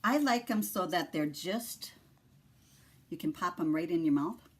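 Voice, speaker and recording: A woman's voice: on the low side, expressive, a little slow. A middle-aged woman with an Upper Midwest American accent, hosting a casual home cooking demonstration and chatting as she explains each step. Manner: chatty and laughing, explaining steps. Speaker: home cooking show host, mother.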